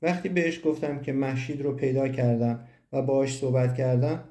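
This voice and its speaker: A man narrating a first-person audiobook story in a steady storytelling manner. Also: medium pitch. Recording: roomy echo.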